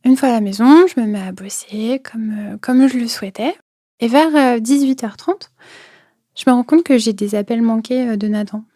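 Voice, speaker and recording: A woman's voice: fairly high pitch, normal speed, warm tone, no room sound, clean studio sound. A young woman recounting a personal experience, hesitant, with many fillers and repeated words, sometimes dropping to a near whisper. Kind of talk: personal testimony.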